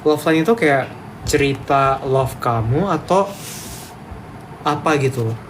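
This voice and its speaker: A young man with a Medan accent and a medium-pitched voice chats casually on a live stream, reading viewers' comments aloud and ranting back at them with emphasis. He speaks at a measured pace over a noisy background.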